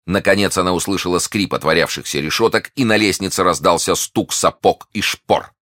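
Man, narrator, audiobook reading, expressive, dramatic, very deep voice, dry sound. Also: brisk, no room sound. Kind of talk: audiobook reading of a classic novel.

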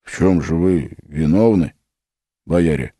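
A man voicing a pleading churchman who bursts into angry shouting. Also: low voice, slow pace, slightly rough, no room sound, studio quality, full character voice. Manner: pleading, then shouting in anger.

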